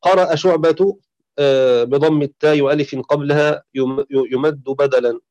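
A man giving a lesson on Quran reading variants, reading from a text and reciting verses slowly in a chanted tone. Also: a little high, fairly even intonation, darkish tone, no room sound, highs cut off. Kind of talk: explanatory lecture reading from a text.

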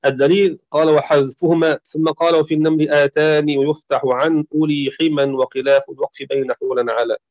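A man's voice: medium pitch, fairly even intonation, a little mellow, dry recording. Man teaching Quran recitation variants, dry sound. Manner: recites verses slowly in chanted tone, explains quickly. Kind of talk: explanatory lecture reading from a text.

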